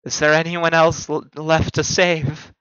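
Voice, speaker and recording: A man's voice: fairly high pitch, level tone, unhurried, a bit bright, clean tone, no room sound, muffled recording, voice pushed up. A man voicing a feeble, frightened old woman with a hesitant voice in a tabletop game. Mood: frightened, disbelieving. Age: older.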